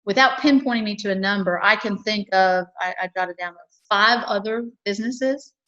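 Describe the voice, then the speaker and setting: A woman's voice: mid-range voice, moderate pace, a bit bright, highs cut off. A woman from a chamber of commerce, talking earnestly and cheerfully in a local cable TV interview, with lots of fillers and restarts.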